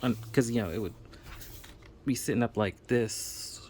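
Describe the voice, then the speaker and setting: A man hosting a casual unboxing video, talking excitedly with plenty of fillers as he handles the product. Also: mid-range voice, measured pace, a little hiss or hum.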